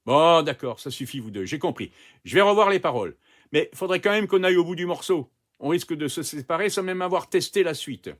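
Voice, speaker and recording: An eager young band leader presses his friends to keep going, voiced by a male reader. His voice sits a little raised and brisk. He sounds keen and persuasive. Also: on the high side, lively intonation, voice pushed up, lightly acted.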